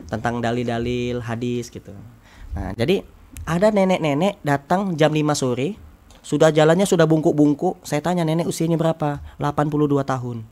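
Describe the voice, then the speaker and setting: A young man, a talk show guest, telling a story with lots of animation and acting out every line of dialogue. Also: normal speed. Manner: acts out dialogue, swinging pitch and loudness.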